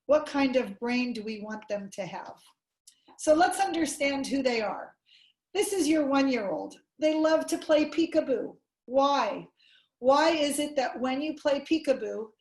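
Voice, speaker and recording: A woman's voice: high voice, a little mellow. Roomy-sounding woman giving an online workshop. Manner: explanatory, with playful acted demonstrations. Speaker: workshop presenter on child development. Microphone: video call. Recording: roomy echo.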